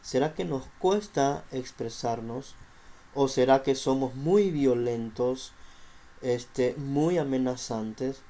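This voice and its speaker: Slow, mellow-voiced male teacher. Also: medium pitch. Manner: explanatory, uses rhetorical questions and filler "este". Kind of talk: recorded class lesson.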